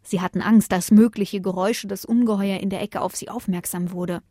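A woman narrating a children's bedtime story in a lively, expressive way. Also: medium pitch, brisk, dry recording, studio quality.

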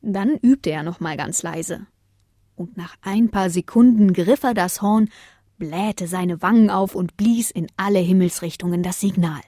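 Woman calmly reading a children's story. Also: lowish voice, measured pace, dry recording, studio quality. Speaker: narrator.

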